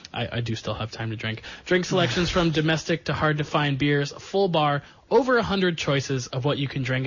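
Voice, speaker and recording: A man's voice: medium pitch, fairly bright tone. A man hosting a sports podcast, talking casually with sarcastic jokes and asides. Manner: chatty, jokey, sarcastic asides. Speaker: podcast host. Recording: dull lo-fi sound.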